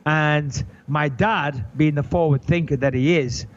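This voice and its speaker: A man's voice: fairly high pitch, fairly even intonation, a little slow. A middle-aged English man with an English accent, chatting casually as a podcast host, joking and swearing. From England. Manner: joking, swearing, restarts sentences. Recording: dull lo-fi audio.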